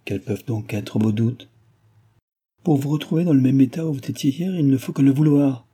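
A stern, grave older advisor from a classic novel, issuing warnings, as a male reader brings him to life. His voice is dark and mellow with a husky edge. This is audiobook storytelling with measured authority. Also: mid-range voice, close to an everyday voice. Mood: admonishing. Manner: grave, admonishing.

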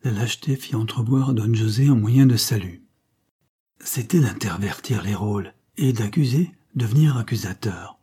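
A man narrating an old novel in a measured, dramatic audiobook reading. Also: on the low side, dark tone, breathy edge.

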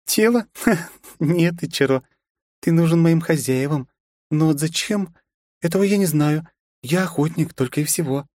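A man voicing a shrill, cold-hearted huntress. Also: moderate pace, pauses often, a little mellow, no echo, natural voice. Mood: mocking. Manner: cold then shrieking, abusive. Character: fierce adult woman hunter, volatile wife.

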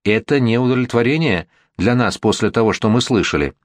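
A man reading an audiobook voices a stern gentleman who speaks formally and insists on a duel. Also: medium pitch, expressive, fairly quick, no echo, voice pushed up, lightly acted. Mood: firm.

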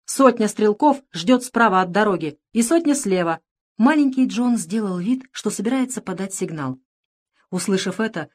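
A woman narrating an adventure storybook in a steady, measured way. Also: medium pitch.

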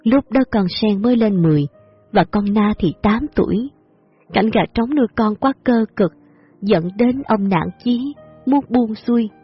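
Husky-voiced woman narrating a story. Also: a little high, a little slow. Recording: dull lo-fi recording, faint music.

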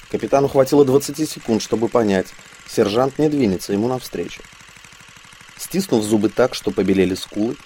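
A man reading a military sci-fi novel aloud in steady, measured scripted narration. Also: mid-range voice, a little hiss or hum. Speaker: audiobook narrator.

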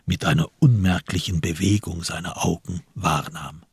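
A man narrating a crime radio play in an even, literary storytelling manner. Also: sits low, moderate pace, slightly rough, no echo, clean studio sound.

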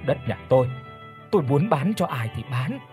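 A man's voice: medium pitch, big pitch swings, normal speed, a little mellow, faint music behind, natural voice. A man voicing a frail, bitter old village mother, weak and anguished, in an audio storybook. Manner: weak, anguished, wailing curses.

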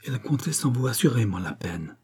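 A man reading an audiobook, voicing a proud, wounded queen who speaks with sharp irony and rising fury. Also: medium pitch, big pitch swings, fairly quick, breathy edge, heavily acted. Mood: biting.

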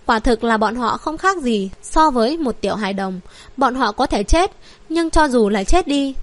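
A woman narrating a fantasy novel in steady, even scripted reading. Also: high voice. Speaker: audiobook narrator.

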